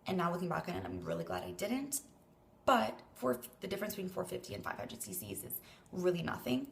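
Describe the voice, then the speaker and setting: A woman's voice: lowish voice, big pitch swings, brisk, gravelly. A young Canadian woman who sounds tired and weak after surgery, rambling hesitantly through a casual vlog and trailing off breathily into near-whispers. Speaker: vlogger.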